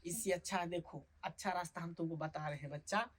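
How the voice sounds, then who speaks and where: Sketch: chuckling lecherous fake godman with a lilt, voiced by a woman, bright tone, higher than usual. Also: moderate pace. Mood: coaxing. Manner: sly, wheedling, chuckles often. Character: sleazy lecherous fake holy man, male, middle-aged. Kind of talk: comic sketch acting.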